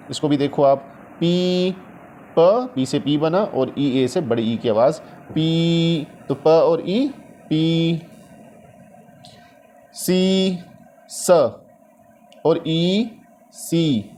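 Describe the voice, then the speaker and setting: Slow, mellow-voiced male phonics teacher. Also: on the high side, a little hiss or hum. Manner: sounds out letters slowly, one by one; mixes English words into Hindi explanations. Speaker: English teacher. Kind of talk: phonics lesson.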